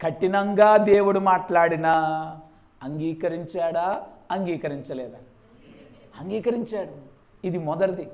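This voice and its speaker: A man's voice: high voice, unhurried, pauses often. A man preaching a sermon as pastor, putting rhetorical questions to the congregation.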